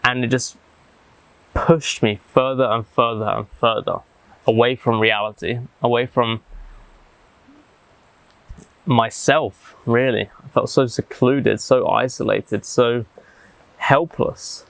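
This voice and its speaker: A man's voice: medium pitch, fairly even intonation, slow, vocal fry, long pauses, dry recording, low-quality recording. Man vlogging outdoors in the jungle, close dry sound. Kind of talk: reflective talk to camera.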